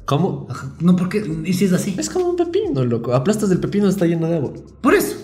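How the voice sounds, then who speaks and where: A man's voice: high voice, sing-song, quick pace, dark tone, faint music behind. A young man, chatting casually with friends as a podcast co-host, joking and rambling in slangy speech. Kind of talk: casual chat among friends. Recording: roomy echoey room.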